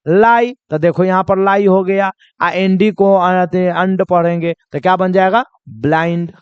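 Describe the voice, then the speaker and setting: A man's voice: high voice, steady tone, a little slow, clear, resonant tone, dry recording, lo-fi sound. A man teaching a spoken English lesson to students he calls children. He asks each question and then answers it himself. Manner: repeats questions and answers them himself, coaxing.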